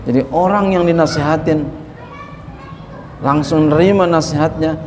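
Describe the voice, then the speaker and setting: A man's voice: fairly high pitch, fairly even intonation, normal speed, darkish tone. A man preaching a sermon on a religious text in a conversational way, addressing the congregation with teasing asides. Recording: long hall reverb, faint ambient noise.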